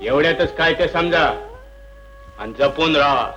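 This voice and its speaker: A man's voice: fairly high pitch, unhurried, a bit bright, muffled recording, faint music behind. A man playing a stern villager giving warnings, in an old film drama.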